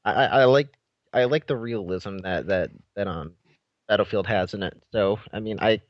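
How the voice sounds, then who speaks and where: A young man co-hosting a gaming podcast, giving firm opinions in a casual, halting way. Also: on the low side, dry recording. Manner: opinionated, many fillers and restarts. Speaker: podcast co-host. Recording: dull dry lo-fi mic.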